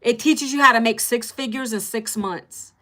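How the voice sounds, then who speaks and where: A middle-aged woman hosting a casual livestream, talking straight to her viewers with energy and emphasis as she pitches an online course. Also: normal speed, bright, forceful tone.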